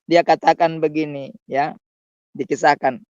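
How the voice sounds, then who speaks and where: A man who is a pastor, talking in a scornful, preachy way on a talk show and jumping up in pitch to stress a point. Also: fairly even intonation, unhurried, a little mellow, clean tone, dry recording. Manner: scornful, with sudden pitch jumps for emphasis. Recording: dull dry lo-fi recording.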